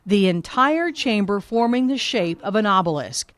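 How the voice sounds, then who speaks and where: A woman reporter giving a scripted documentary narration, measured and vivid. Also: medium pitch, animated, fairly bright tone, no echo.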